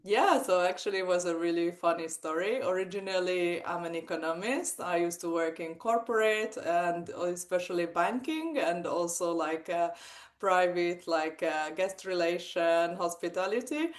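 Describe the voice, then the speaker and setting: Hungarian lady in her 40s chatting in an interview, lowish voice, lots of "like" and little quoted asides. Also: moderate pace. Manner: animated, lots of fillers and acted-out quotes. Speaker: guest, sex coach and hypnotherapist. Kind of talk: casual interview chat.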